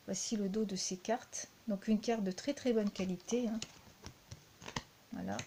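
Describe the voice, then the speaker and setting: A woman's voice: mid-range voice, very animated, unhurried, background noise. A woman with a French accent reviewing a deck of cards, talking unhurriedly with frequent fillers and repeated words.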